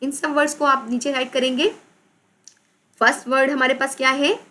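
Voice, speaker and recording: A woman teacher with a Pakistani accent runs a children's English lesson, reading words slowly, repeating them, and spelling them out. Her voice is high and sharp, with little movement in pitch.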